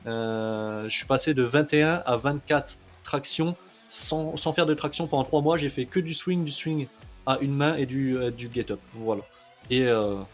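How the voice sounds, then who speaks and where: Chatty male fitness coach. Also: mid-range voice. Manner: chatty, many fillers, checks in with "ok?". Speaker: kettlebell coach. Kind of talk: casual video lesson to camera.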